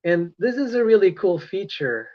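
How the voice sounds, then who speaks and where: His voice sits high and swings widely in pitch, at normal speed. He's a Filipino man with an American accent, rambling chattily as a livestream lecturer and frequently correcting himself. The recording has a dull, lo-fi stream quality.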